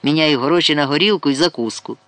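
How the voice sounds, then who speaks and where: A man's voice: fairly high pitch, fast talker, fairly bright tone, dry recording, pitched above the performer's own voice, natural voice. A man reading an audiobook voices a coarse middle-aged man who teases and flirts crudely. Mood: brash teasing. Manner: brash, teasing and crude.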